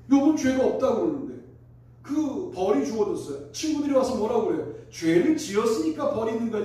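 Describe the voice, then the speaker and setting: A man preaching a sermon in a very high voice, posing question after question to the congregation. His voice rings through a big, echoey church hall, picked up from some distance. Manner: preaching with rhetorical questions, animated. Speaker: pastor. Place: church sanctuary.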